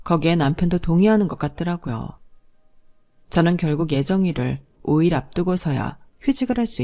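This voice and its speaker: A woman's voice: sits low, warm tone. A woman narrating her own story in first person, plaintive and assertive when she argues back.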